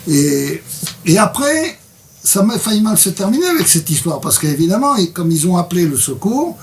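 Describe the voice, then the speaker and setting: A man, a translator, chatting and reading book passages aloud in a lively way. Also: high voice, normal speed, far from the mic.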